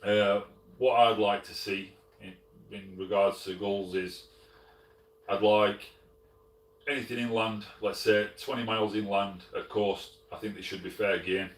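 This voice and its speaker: A middle-aged man with a Sheffield Yorkshire accent, casually answering live chat as host, relaxed and full of fillers and restarts. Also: fairly low pitch, unhurried, far from the mic. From Sheffield, England. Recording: roomy, from off the mic.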